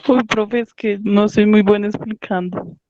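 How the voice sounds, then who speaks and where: A woman's voice: medium pitch, fairly even intonation, unhurried. A student woman, answering hesitantly and unsure of herself. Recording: muffled noisy call audio.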